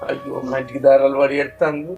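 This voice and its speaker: A man's voice: mid-range voice, level tone, a little fast, vocal fry, a little mellow, highs cut off, soft background music, close to an everyday voice. An actor playing a grieving older brother with a Telangana Telugu accent, consoling his sick sister. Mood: distraught. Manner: emotional, consoling. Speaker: actor in a family drama.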